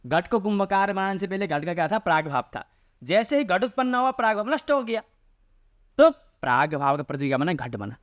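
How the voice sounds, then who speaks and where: A man teaching a lecture, asking rhetorical questions and answering them himself, and reciting classical phrases slowly. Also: sits high, very animated, no room sound, studio quality. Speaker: Sanskrit teacher. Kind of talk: explanatory Hindi lecture on a Sanskrit logic text.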